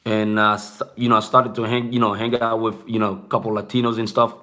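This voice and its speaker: This young man has a lowish, level voice that's bright and forceful, and he talks fast. Not a native English speaker, he rambles casually to his live-stream audience from a small room, his talk full of "bro" and "you know what I'm saying."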